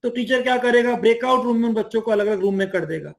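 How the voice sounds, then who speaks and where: A man explaining an online teaching platform in a lively conversational way, often acting out teachers and students. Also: very high voice, quick pace, vocal fry. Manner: enthusiastic, acts out teacher and student lines. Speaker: education platform mentor.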